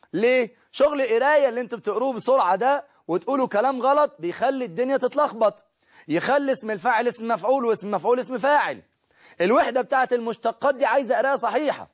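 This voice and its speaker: A man with an Egyptian Arabic accent teaching an Arabic grammar lesson, explaining step by step and checking in with his students. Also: high-pitched.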